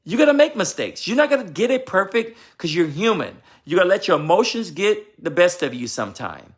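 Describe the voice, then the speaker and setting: A man's voice: high-pitched, sing-song, a little fast. A man giving marriage advice in a vlog, talking in an emphatic, repetitive, sermon-like way and addressing his viewers directly. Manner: addresses viewers and asks his wife for confirmation. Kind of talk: preachy casual talk.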